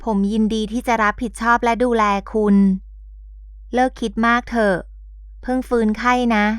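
Brief: rugged protective husband, firm and caring, smooth tone, read by a woman. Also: on the high side, fairly even intonation, normal speed, no echo, clean studio sound, close to an everyday voice. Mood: tender.

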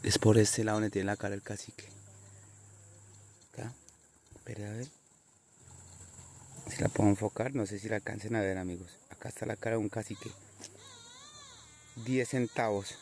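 A man's voice: fairly low pitch, fairly even intonation, moderate pace, pauses often, darkish tone, a little hiss or hum. A man narrating a casual outdoor metal detecting vlog, chatty and constantly addressing his viewers as friends. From Colombia. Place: outdoors in nature.

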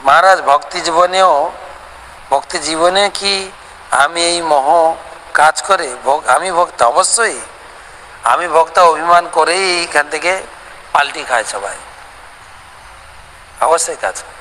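A man delivers a devotional scripture lecture, answering questions sent in by listeners. His voice is bright and forceful, a little higher than most men's. He acts out imagined conversations and draws out chanted mantras slowly, with a long hall reverb and a faint hum of noise behind him.

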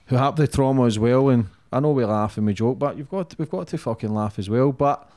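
Podcast host: Glaswegian man, thirties, medium pitch, blunt informal questioning. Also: brisk, a little mellow. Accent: Scottish, Glaswegian. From Scotland. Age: 30s. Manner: informal, sweary. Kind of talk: casual interview. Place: small office used as podcast room. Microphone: desk microphone on boom arm.

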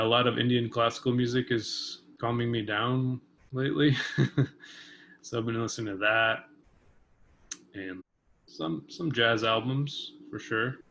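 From his kitchen on a video call webcam, a male guest in his thirties who plays vibraphone and composes talks casually and thoughtfully, hedging with many fillers. His mid-range voice sounds fairly bright, with slight background noise.

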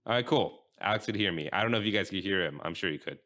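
A young man hosting a casual podcast, rambling and halting with many fillers. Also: low-pitched, pushed and bright. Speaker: podcast host.

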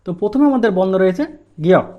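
A man with a high voice teaches a language class. He walks through each rule patiently, repeats it, and poses rhetorical questions before answering them himself. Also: animated, racing, muffled recording. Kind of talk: explaining a lesson step by step.

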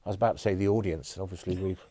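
A man's voice: deep voice, steady tone, rapid-fire, dark tone, dry recording. A middle-aged man, an event producer, telling enthusiastic rambling anecdotes in an interview studio. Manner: enthusiastic storyteller, rambling with restarts. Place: studio with empty audience chairs.

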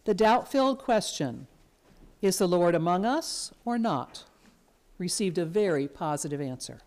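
A woman serving as lector, giving a formal scripture reading in a church in a measured, even way. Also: lowish voice.

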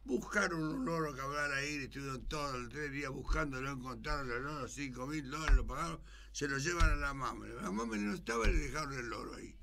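A man's voice: a little high, fast talker, creaky, a little hiss or hum. A man telling jokes on a radio talk show, acting out the characters in his stories. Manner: animated storyteller acting out characters. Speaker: joke-telling radio guest.

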